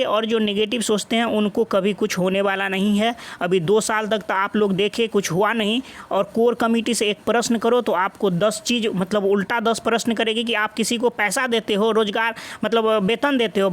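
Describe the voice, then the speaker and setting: A man, a coaching channel teacher speaking straight to exam candidates, scolding and urging them with drawn-out emphatic phrases. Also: high-pitched, a bit bright. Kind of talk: direct-to-camera address to exam candidates.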